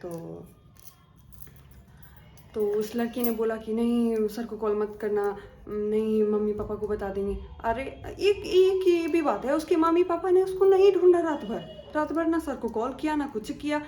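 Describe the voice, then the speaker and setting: A woman's voice: on the high side, a little slow, mellow. A young woman telling a horror story from her school days in a casual, dramatic way, acting out the dialogue. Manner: chatty, dramatic, acts out quoted dialogue. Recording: echoey room with faint ambience.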